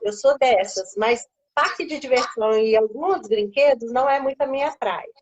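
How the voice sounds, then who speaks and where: A woman with a Brazilian Portuguese accent and a fairly high voice speaks at a moderate pace as a guest on a live stream. She tells a personal faith story, acting out the voices she quotes. The recording is rough, with a little hiss or hum.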